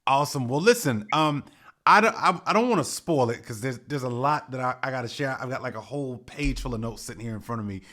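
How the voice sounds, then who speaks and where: A man's voice: mid-range voice, lively intonation, fast talker, sharp tone. A man in his forties hosting a podcast, asking long, rambling questions with many restarts. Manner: rambling, self-correcting questions. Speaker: podcast host. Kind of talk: conversational interview.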